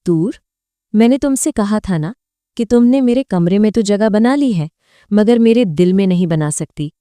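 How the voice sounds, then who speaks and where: A woman voicing a proud, brooding young man who is the hero of a romance audiobook, speaking stern and then tender, without lowering her own voice. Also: expressive, dark tone, no echo, clean studio sound, close to an everyday voice.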